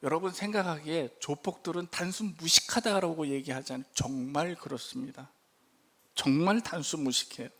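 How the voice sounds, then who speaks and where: A male pastor preaching in church, telling a story with lively turns and rhetorical questions to the congregation. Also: on the high side, moderate pace. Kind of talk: sermon storytelling.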